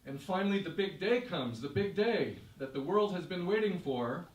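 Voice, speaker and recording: A man's voice: high-pitched, lively intonation, normal speed. Male stage storyteller, vivid and emphatic; recorded from afar in an echoey hall. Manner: vivid, emphatic second-person narration. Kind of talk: live storytelling performance. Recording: roomy stage, distant mic.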